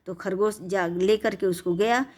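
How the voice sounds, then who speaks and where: A woman's voice: mid-range voice, steady tone, a little slow, darkish tone. A woman narrating a bedtime story in a casual, chatty way, with restarts and explanatory asides.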